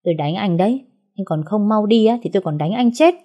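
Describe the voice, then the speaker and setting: A woman's voice: mid-range voice, expressive, a little fast, mellow, voice pushed up, close to an everyday voice. A woman voicing an indignant elderly father who scolds his son-in-law. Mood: stern. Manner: stern and breathless with anger.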